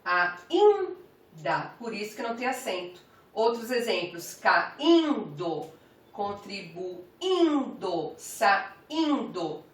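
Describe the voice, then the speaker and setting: Slow, careful woman teacher. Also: medium pitch, big pitch swings. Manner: slow, careful, spells out each example word. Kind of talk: grammar lesson. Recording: roomy, from some distance off the mic.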